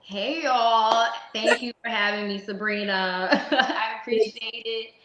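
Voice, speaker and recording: A woman in her thirties from South Florida, chatting as an interview guest in a lively way, laughing often and restarting her sentences. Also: fairly high pitch, slow pace, very noisy. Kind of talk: casual interview chat. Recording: echoey lo-fi room.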